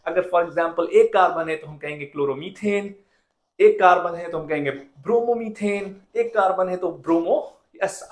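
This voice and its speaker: A man teaching a chemistry lesson, asking the class questions and answering them himself, and repeating the key rules. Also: sits high. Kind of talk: classroom lecture.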